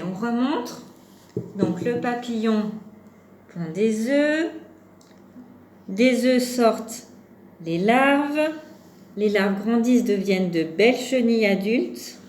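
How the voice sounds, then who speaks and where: Young woman, preschool teacher, slow and patient sing-song delivery, echoey room with faint hum. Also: fairly high pitch, darkish tone. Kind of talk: home-schooling lesson for young children. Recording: roomy echo with faint background hum.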